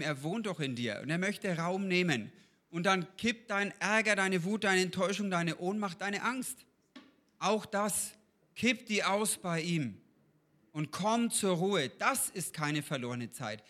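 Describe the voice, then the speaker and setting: A man with a high, bright and forceful voice preaches in a relaxed, conversational way. He talks to his listeners directly and asks them questions as he goes. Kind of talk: informal sermon.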